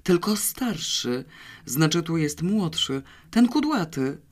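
A man's voice: on the high side, big pitch swings, takes it slowly, exaggerated voice. A reader voicing a nervous, rambling country man who confesses in a folksy way. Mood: excited. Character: nervous male small-time poacher confessing.

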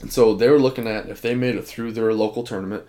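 A young man co-hosting a casual sports podcast, talking in a relaxed, rambling way and laughing often. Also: fairly low pitch, fast talker. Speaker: podcast co-host.

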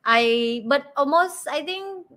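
A woman with a Vietnamese accent and Vietnamese as her first language, co-hosting a casual livestream chat in hesitant, halting English. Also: sits high, lively intonation, fairly bright tone. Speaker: co-host.

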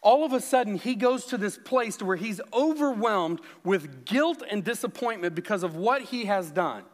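A man's voice: high voice, animated, normal speed, in a large hall. A male pastor preaching a sermon in an emphatic storytelling way.

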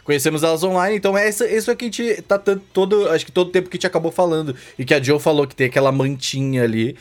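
A man's voice: on the high side, racing. A young Brazilian man hosting a casual group chat, slangy and rambling with lots of fillers. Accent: Brazilian Portuguese.

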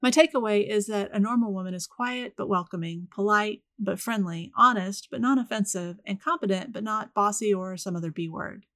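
A woman from the rural American South with a soft voice and a Southern accent, hosting a solo podcast in a direct, dryly wry monologue. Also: mid-range voice, normal speed, hardly any pauses, dry recording, clean studio sound. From rural northern Florida, US. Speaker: podcast host.

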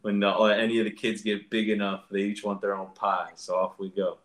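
A man's voice: fairly low pitch, level tone, a little fast, a bit bright. A man in his thirties from Central Florida, an actor talking as a guest in a casual, upbeat interview. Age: 30s. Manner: upbeat, chatty, laughs easily.

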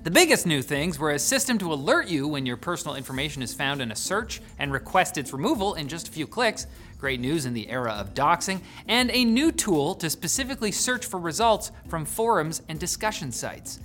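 Lively sarcastic tech news host. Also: medium pitch, fairly quick, soft background music. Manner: lively, sarcastic, swings from loud to hushed. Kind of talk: scripted tech news with jokey asides.

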